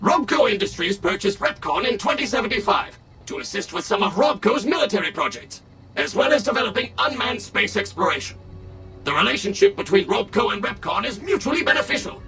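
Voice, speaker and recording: A too-smooth android tour guide. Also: male voice, pushed and bright, full character voice. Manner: slick, sing-song sales-pitch delivery. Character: overly smooth polite male robot tour guide. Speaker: receptionist and museum tour guide. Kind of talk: video game character dialogue. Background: game music.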